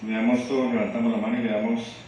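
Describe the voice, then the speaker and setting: A man's voice: medium pitch, flat delivery, racing, a loud crowd. A man from Venezuela fervently addressing a church congregation after a sermon. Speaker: church leader. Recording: echoey church, distant mic.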